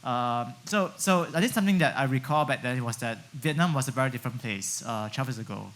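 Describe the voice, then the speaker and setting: A man from Singapore speaking on a conference panel in a relaxed, conversational way. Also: mid-range voice, fairly quick. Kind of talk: panel discussion answers.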